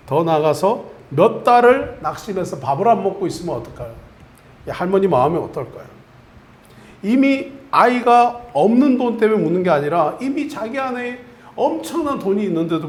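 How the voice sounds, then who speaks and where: A man's voice: sits high, darkish tone. A male pastor preaching a Sunday sermon, telling a story to his congregation and leading them in repeating a phrase. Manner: storytelling preacher, leads congregation in call-and-response. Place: church sanctuary. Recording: echoey church sanctuary.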